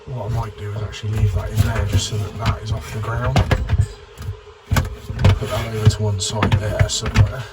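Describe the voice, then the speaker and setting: A British man who sounds unwell with a runny nose, talking casually and haltingly to himself as he narrates his plumbing work. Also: on the low side, flat delivery. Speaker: plumber filming his jobs. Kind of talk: casual work vlog, talking through tasks. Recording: noisy, clicks and vehicle sounds.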